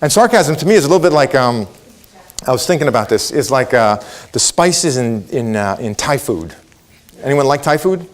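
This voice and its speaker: A man's voice: mid-range voice, animated, moderate pace. A middle-aged man from Israel whose first language is Hebrew, giving a motivational keynote, asking the audience questions and acting out quotes. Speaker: keynote speaker.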